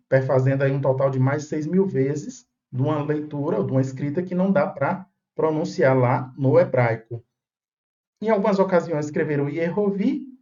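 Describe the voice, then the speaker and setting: A man's voice: fairly high pitch, warm tone, lo-fi sound. A man giving a video lesson on old manuscripts, explaining step by step and often checking in with his viewers. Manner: didactic, checks in with "tá?" and "né?". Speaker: Bible manuscript lecturer.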